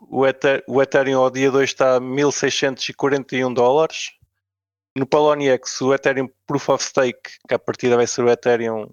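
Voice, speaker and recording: A man's voice: mid-range voice, dry recording. Male podcast host, European Portuguese accent, informal and inquisitive. Very dry, slightly muffled sound. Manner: questioning, informal. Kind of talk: casual podcast discussion.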